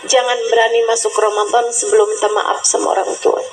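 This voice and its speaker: Woman preacher giving a sermon, earnest and pushy, fairly high voice, echoey with soft music. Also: little pitch movement, fairly quick. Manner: earnest, exhorting. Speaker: Islamic preacher.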